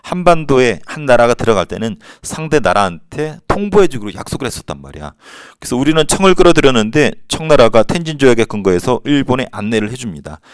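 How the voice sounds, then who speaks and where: A man's voice: mid-range voice, clean tone, no room sound, studio quality. A man teaching a history lesson to students in a casual, slangy and playful way. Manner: slangy, playful, acts out quotes.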